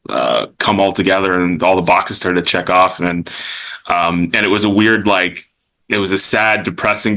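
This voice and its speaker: A man's voice: deep voice, bright, forceful tone, low-quality recording. A man telling his personal story as a podcast guest, hesitant, with many fillers and repeated words.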